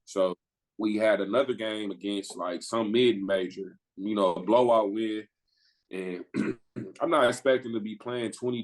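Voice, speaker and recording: A man's voice: on the low side, poor audio. A man in his twenties from the Midwest US, a podcast guest telling his story in loose, slangy talk and acting out what people said. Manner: animated, slangy storyteller who acts out quoted people. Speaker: podcast guest, pro basketball player. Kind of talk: casual storytelling interview.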